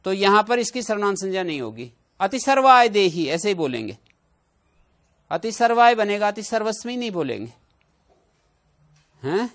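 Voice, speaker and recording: A man's voice: high-pitched, big pitch swings, moderate pace, pauses often. A man teaching a Sanskrit grammar class, explaining rules with everyday examples and putting questions to his students.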